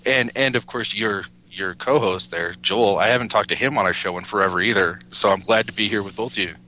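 A man's voice: lowish voice, fairly quick, bright, forceful tone. A man appearing as guest co-host in a casual podcast conversation.

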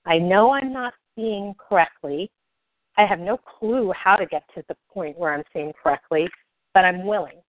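A woman with a fairly low voice teaches a spiritual lesson in a loose, conversational way, circling back and restarting phrases as she warms up. The sound is tinny and phone-like, and quite dry. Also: dry recording. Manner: conversational, repeats and restarts when excited.

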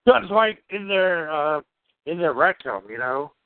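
A man co-hosting a podcast in crude casual banter, rambling in a deadpan way with frequent fillers. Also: on the high side, unhurried, clean tone, no echo. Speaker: podcast co-host. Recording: dry, phone-like narrow sound.

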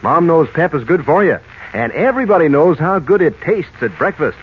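A man on an old radio show giving a chummy, upbeat sales pitch, his intonation lively and swinging. The recording is dull and lo-fi, with a faint hiss underneath, like an archive broadcast. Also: moderate pace. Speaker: radio announcer. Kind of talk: 1940s radio commercial.

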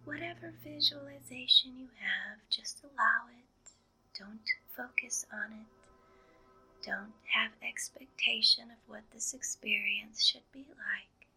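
A woman leading a guided energy-healing meditation in an airy, breathy whisper, soothing and mystical, in short deliberate phrases. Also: on the high side, rough recording. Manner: airy, breathy, hushed mystical healer delivery. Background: music.

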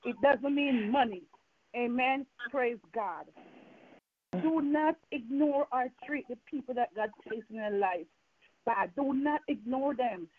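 The recording is dry and tinny, like a phone line, capturing a woman with a Jamaican accent giving a fervent evening sermon of call and response, repeated phrases, and rhetorical questions. Her voice is a little high with a breathy edge, and she speaks slightly slowly.

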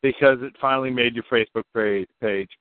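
A male co-host heard through a thin, phone-like band with a dry sound. His pitch is average for a man. He banters and teases casually, doubling back on phrases to stress them. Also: brisk, dry recording. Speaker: radio show co-host.

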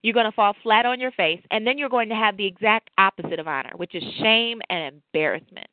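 A woman co-hosting a faith talk show, telling a lively personal story and drawing a lesson from scripture. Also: medium pitch, a little fast, no echo. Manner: storytelling, animated, preachy asides. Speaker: podcast co-host. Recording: tinny phone-like line, dry.

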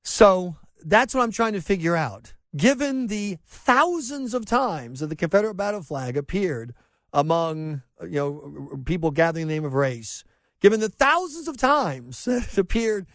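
A man's voice: high voice, sing-song, moderate pace, no room sound. A middle-aged man from rural South Carolina hosting a talk radio show, delivering an impassioned opinion monologue with frequent restarts and mocking asides. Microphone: close studio mic, dry.

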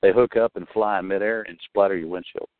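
A man's voice: low voice, fairly even intonation, a little fast, dry recording. A man joking and teasing others in a casual group call. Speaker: call-in show participant. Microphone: phone. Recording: phone-line audio.

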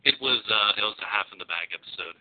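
Male podcast guest, rambling, fillers, lower voice, lo-fi line. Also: quick pace. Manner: rambling, filler-heavy retelling. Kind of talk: casual podcast chat. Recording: tinny phone-like lo-fi sound.

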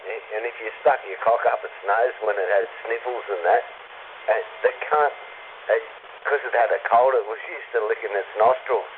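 An Australian man trading crude, foul-mouthed, taunting banter in casual chat over CB radio. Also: medium pitch. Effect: CB radio transmission. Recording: tinny, noisy narrowband CB radio with hiss.

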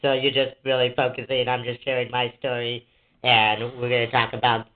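A man talking over a speakerphone in an agreeable, hesitant way, filling his sentences with ums and uhs. His voice is flat and even at a middle pitch. The sound comes through a narrow, tinny phone line. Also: brisk. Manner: agreeable, hesitant, with many fillers. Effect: heard over a speakerphone. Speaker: interview guest. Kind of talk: casual call before an interview.

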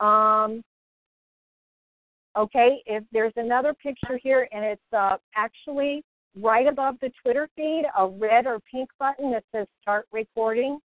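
A woman heard over a phone speaker, reading instructions aloud on a group call with halting pauses and fillers. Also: fairly high pitch, no room sound. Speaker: meeting participant reading out instructions. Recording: tinny dry phone line.

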